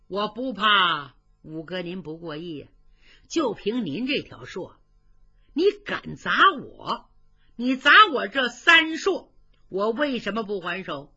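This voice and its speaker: A sly young general full of swagger, as a woman storyteller puts him on, jumping from high boasts to low sneers with a lively bright edge. The sound is dull and a little lo-fi. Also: husky, faint music behind, full character voice. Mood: boastful. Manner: cocky, taunting, quick-talking.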